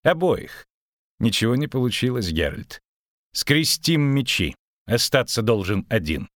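A man reading an audiobook, voicing a proud, tormented male sorcerer who speaks bitterly and breaks into shouts. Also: medium pitch, big pitch swings, measured pace, no room sound, clean studio sound. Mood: taunting. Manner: bitter, agitated, rising to shouts.

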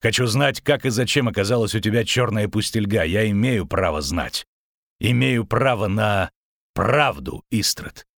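A man reading an audiobook, voicing a grim, restrained male monster hunter who speaks slowly and quietly. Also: fairly low pitch, animated, gravelly, no echo, clean studio sound, exaggerated voice. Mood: cold quiet. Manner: slow, quiet, cold.

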